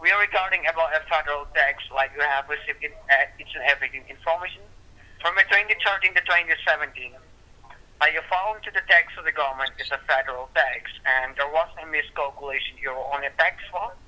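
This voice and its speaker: A man speaking in a repetitive, formal, halting call-center manner as a scripted phone caller posing as an official, over a thin phone line. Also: on the high side, sharp tone. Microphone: telephone call.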